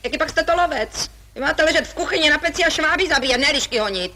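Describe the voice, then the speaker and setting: An actress playing a proud, quarrelsome young landowner's daughter, scornful and quick to flare up, in 1960s television stage acting. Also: female voice, sits high, lively intonation, noisy background. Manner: sharp-tongued, scornful, flares up into shouting.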